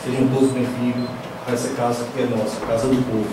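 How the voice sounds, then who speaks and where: A man's voice: mid-range voice, level tone, fast talker. A young man addressing a city council chamber on a handheld mic, hesitant and repeating words, often checking "right?" with the room. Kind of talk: council floor speech. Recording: echoey chamber from a far camera, noisy.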